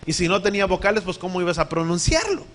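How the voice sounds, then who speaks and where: A male preacher delivers a sermon in a high, emphatic voice. He teaches, asks the congregation questions, and spells out words letter by letter. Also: very animated, quick pace, fairly bright tone.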